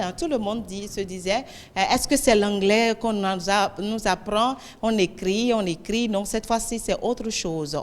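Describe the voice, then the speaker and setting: Animated woman host. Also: on the high side. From Benin. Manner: animated, addresses the audience directly. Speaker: event host. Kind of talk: hosting a televised language contest.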